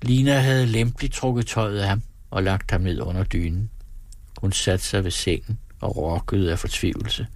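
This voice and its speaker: A man reading a novel aloud in an even, measured storytelling voice. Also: on the low side, no echo. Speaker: audiobook narrator. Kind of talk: scripted narration.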